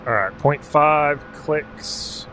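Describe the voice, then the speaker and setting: A man's voice: on the high side, drawn-out words, sharp tone, soft background music, rough recording. Laid-back streamer man calling out commands. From Alaska. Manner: calls out game commands, swears casually. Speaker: game streamer. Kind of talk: casual live-stream chat while playing.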